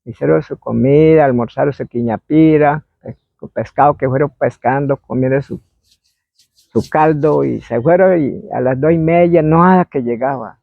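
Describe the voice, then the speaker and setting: Guy telling an old spirit story, rambly, gravelly voice, tinny dry phone-ish recording. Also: medium pitch, normal speed, dry recording. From Colombia. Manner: meandering, acts out shouts and quoted voices. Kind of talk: oral history storytelling. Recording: dry, phone-like narrow sound.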